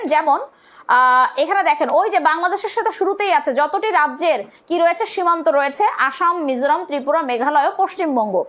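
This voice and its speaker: High-voiced Bangladeshi woman teaching. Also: fairly bright tone. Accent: Bangladeshi Bengali. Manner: explains step by step, asks and answers own questions; colloquial, urges viewers to comment. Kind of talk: online exam-prep lecture.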